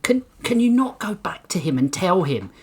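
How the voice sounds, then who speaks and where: A man doing a high, exasperated pleading voice. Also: big pitch swings, moderate pace, breathy edge, exaggerated voice. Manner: pleading, raised pitch, exasperated.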